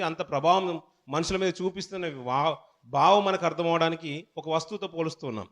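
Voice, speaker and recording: Fairly high-voiced man preaching a sermon. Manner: reads scripture slowly and loudly, then preaches conversationally; addresses listeners as children, restarts words. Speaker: pastor.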